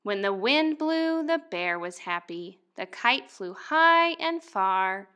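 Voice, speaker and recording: Reading as if sharing a picture book with small kids, a first grade teacher in her young adult years delivers her words clearly and with lots of expression. She keeps a slow pace, and her voice is medium in pitch, highly animated and sharp.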